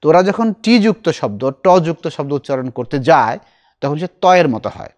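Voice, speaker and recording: Middle-aged guy teaching recitation, kinda high voice, explains slow n keeps asking the class stuff. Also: expressive, darkish tone. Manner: explains slowly, asks the class questions.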